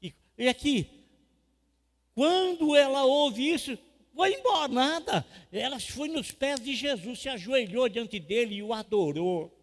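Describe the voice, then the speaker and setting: High-voiced Brazilian pastor preaching. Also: male voice, animated, a little slow. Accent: Brazilian Portuguese. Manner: swings from loud preaching to quiet asides; repeats phrases for emphasis. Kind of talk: sermon. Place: church hall. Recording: long reverb of a church hall.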